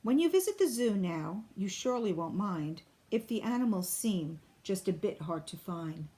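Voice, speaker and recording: A woman reading a children's picture book aloud in an expressive, deliberate storybook style. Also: medium pitch. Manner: deliberate, clearly phrased storybook delivery.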